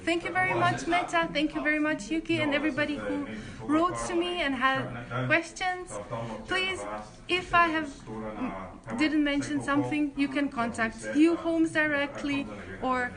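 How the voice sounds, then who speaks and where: A woman's voice: high-pitched, normal speed. A young woman from Croatia, a residence staff member hosting a friendly, chatty live-stream Q&A. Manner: friendly, chatty, many restarts. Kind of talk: live-stream Q&A, reading chat questions. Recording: crowd chatter behind.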